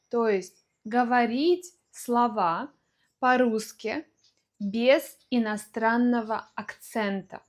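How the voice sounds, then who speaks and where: A woman teaching a video lesson, explaining pronunciation slowly and deliberately, with spoken examples. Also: a little high. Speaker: language teacher.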